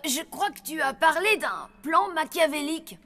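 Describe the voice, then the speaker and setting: A woman voicing a cheeky, questioning youngster in an animated children's cartoon. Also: high voice, normal speed, soft background music. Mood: cheeky, puzzled.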